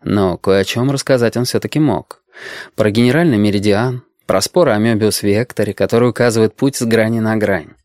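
A man's voice: fairly low pitch, fairly quick, darkish tone, no room sound. Man narrating an audiobook, dry close sound.

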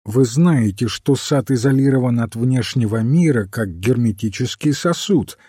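An irritable, strictly logical doctor, performed by a man with a dark, husky voice. He presses his questions insistently, always on the edge of exasperation. Storybook reading. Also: medium pitch, moderate pace, no room sound, studio quality, natural voice. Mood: exasperated. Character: irritable, logical male doctor, impatient scholar.

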